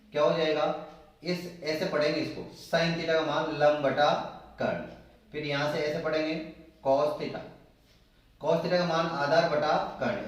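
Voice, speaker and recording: A man teaching a maths lesson at a board, repeating key terms back as questions. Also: a little high. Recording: echoey room, voice from a distance.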